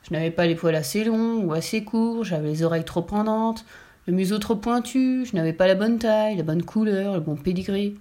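A woman's voice: medium pitch, a little fast, dark tone, natural voice. A woman voicing Douglas, a friendly male dog who works as a waiter and plays music, talking in a familiar, sympathetic way.

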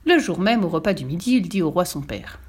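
A woman's voice: on the low side, sing-song, brisk, husky. Woman reading a storybook aloud. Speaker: narrator.

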